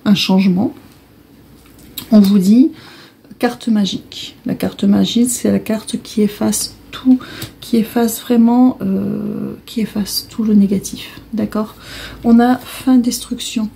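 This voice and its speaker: A woman's voice: medium pitch, steady tone, takes it slowly, creaky, dark tone, a little hiss or hum. A woman giving a casual oracle card reading, explaining each card in a repetitive, hesitant way. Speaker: tarot and oracle card reader.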